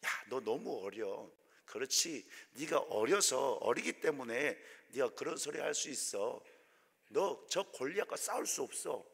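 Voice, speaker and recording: A man voicing a weary king who talks down to a boy in a soft, condescending way. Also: mid-range voice, animated, a little slow, vocal fry, slightly rough, heavily acted. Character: weary old king, patronizing and dismissive. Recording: echoey church hall.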